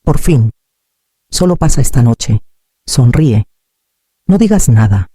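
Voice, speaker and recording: A woman's voice: very deep voice, lively intonation, slow pace, mellow, breathy edge, no echo, clean studio sound, exaggerated voice. A woman voicing a proud grown daughter who answers in short, defensive phrases. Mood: tense, defensive. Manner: curt, defensive. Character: tense proud grown daughter hiding debts.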